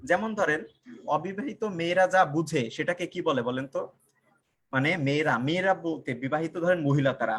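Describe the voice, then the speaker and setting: Young male online tutor, slightly high voice, quizzes viewers and repeats himself. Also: fairly bright tone, husky. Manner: asks the class questions and answers them himself, repeats key lines. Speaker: online English teacher. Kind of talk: live online class, teaching and joking.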